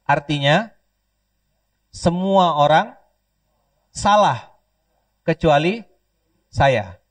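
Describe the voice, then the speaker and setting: A man's voice: a little high, animated, very slow, dry recording. Joking male preacher from Pontianak. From Pontianak, Indonesia. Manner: joking, call-and-response with the crowd. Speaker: Islamic preacher. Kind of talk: lively sermon to an audience. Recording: dry, distant mic.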